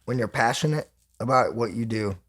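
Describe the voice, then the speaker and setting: A man's voice: mid-range voice, a little fast, fairly bright tone. A man hosting a podcast, talking in a laid-back casual way with lots of "you know" fillers. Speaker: podcast host. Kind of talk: casual chat.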